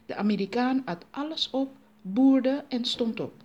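A woman's voice: fairly high pitch, expressive, unhurried, a little mellow, lo-fi sound. Woman storyteller telling a folk tale. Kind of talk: storytelling narration.

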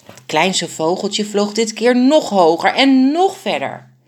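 A woman's voice: medium pitch, takes it slowly. Woman reading a children's story. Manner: lively, expressive storytelling. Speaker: author and narrator.

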